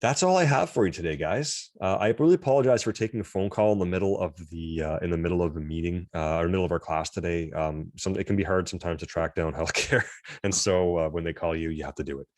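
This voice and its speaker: A man's voice: sits low, fast talker, darkish tone, no echo, studio quality. A man teaching an online class, talking casually and self-deprecatingly with frequent restarts over a video call. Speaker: instructor.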